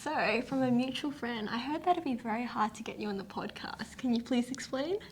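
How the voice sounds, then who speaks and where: A woman hosting a podcast interview, asking playful, teasing questions and laughing easily. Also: on the high side. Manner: upbeat and playful, quick to laugh and tease. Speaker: podcast host.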